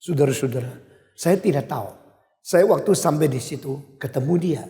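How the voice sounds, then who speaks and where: An older male pastor with an Indonesian accent preaching a sermon with emphatic swings in loudness. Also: a little high, normal speed. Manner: emphatic, wide swings in loudness, switches briefly to English. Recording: echoey hall.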